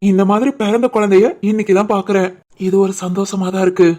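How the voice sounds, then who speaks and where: Cartoon young husband, gentle and sincere, mid-pitched, Tirunelveli Tamil accent, voiced by a woman. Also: fairly even intonation, fast, close to an everyday voice. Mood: wistful. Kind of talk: animated family story voice acting.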